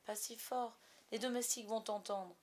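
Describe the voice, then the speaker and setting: A woman voicing a gentle, anxious mother who speaks softly and pleadingly, in a storybook reading. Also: fairly high pitch, fairly even intonation, normal speed, close to an everyday voice. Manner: soft, pleading, tender.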